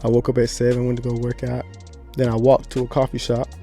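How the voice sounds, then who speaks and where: A man's voice: medium pitch, monotone, fast, dark tone, soft background music. A man from Florida, a podcast guest telling stories in a laid-back, slangy, rambling way. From Pensacola, Florida. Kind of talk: casual podcast chat.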